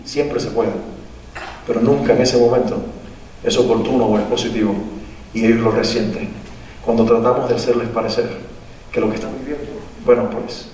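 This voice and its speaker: A man's voice: mid-range voice, a little mellow, slight background noise. A man gives a public lecture to parents in a school theater. He speaks earnestly and repeats phrases for emphasis. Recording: echoey hall, voice from far off.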